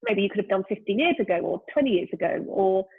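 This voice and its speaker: A woman's voice: medium pitch, expressive, fast talker, slightly rough. Reflective woman in her fifties on a tinny call. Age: 50s. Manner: thoughtful, searching for words with many "you know"s. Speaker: guest, brand founder. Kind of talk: reflective casual conversation. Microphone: remote call during lockdown. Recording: tinny phone-like call line.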